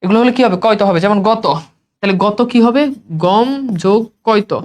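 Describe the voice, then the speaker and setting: A man's voice: high voice, fairly even intonation, a little fast. Man drilling students in a grammar lesson. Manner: drills students with repeated questions and answers. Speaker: teacher. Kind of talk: exam-prep grammar lesson.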